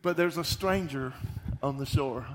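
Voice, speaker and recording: A man preaching a sermon, retelling a story in an animated, conversational way. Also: a little high, a little slow.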